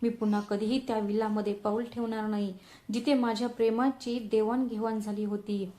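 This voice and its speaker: A woman's voice: fairly high pitch, flat delivery, fairly quick, dark tone, natural voice. A woman voicing a wronged young wife who answers sharply and coldly, in a storybook reading. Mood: bitter. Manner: bitter, cutting. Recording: roomy echo.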